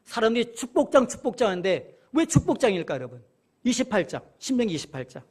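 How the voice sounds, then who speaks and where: A man teaching a Bible study sermon. He keeps asking his listeners questions and answering them, and he reads scripture passages slowly and more loudly. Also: high-pitched, sing-song, husky. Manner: addresses listeners often, asks and answers questions.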